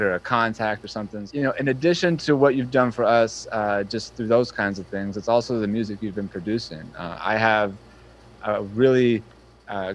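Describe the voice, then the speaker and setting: A man's voice: fairly low pitch, low-quality recording. A man interviewing a fellow musician in casual chat, earnest and appreciative, with many fillers and restarts.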